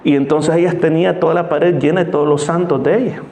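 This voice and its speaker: Echoey pastor preaching. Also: male voice, fairly high pitch, fairly even intonation, fast, vocal fry, dark tone. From El Salvador. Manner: storytelling, acts out voices in anecdotes. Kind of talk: sermon. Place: church hall.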